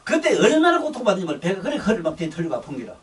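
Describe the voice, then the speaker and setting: An older man with a thick Busan accent delivers a rambling sermon, blunt and scolding, with coarse language. His voice sits high and leaps around with lively swings in pitch. He is recorded from some distance from the mic. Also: rapid-fire. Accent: Gyeongsang (Busan). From Busan, South Korea. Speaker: Buddhist dharma teacher.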